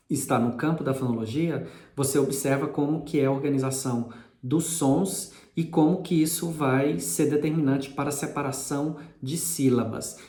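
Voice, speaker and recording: A man's voice: mid-range voice, mellow. A man, explaining linguistics in a patient lesson and repeating key terms. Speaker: linguistics teacher. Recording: echoey room.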